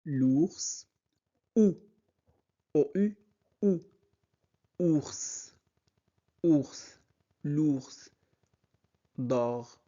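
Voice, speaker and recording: Very slow, patient male reading teacher. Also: fairly high pitch, lively intonation, mellow, lo-fi sound. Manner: very slow, syllable by syllable, repeating words. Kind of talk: slow reading lesson, spelling out sounds.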